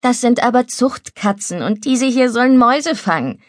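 A woman voicing a sensible older girl who reasons gently and with quiet amusement, in a storybook reading. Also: fairly high pitch, expressive, normal speed, no echo, pitched above the performer's own voice, close to an everyday voice. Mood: amused. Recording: dry studio recording.

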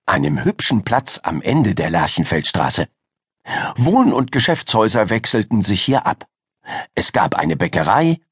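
Man narrating a children's story, lively rising and falling delivery, slightly husky voice, dry close studio sound. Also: medium pitch, dry recording. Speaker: audiobook narrator.

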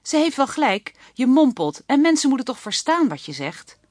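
A woman doing a gentle, practical young mother. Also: high-pitched, sing-song, normal speed, no echo, clean studio sound, voice pushed up. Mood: reassuring. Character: a calm, caring young mother.

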